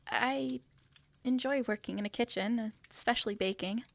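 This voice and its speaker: A woman plays a shy young winged girl who travels with her cat in a fantasy audio drama. She speaks softly, hesitantly and apologetically, at a moderate pace, in a slightly high voice with vocal fry.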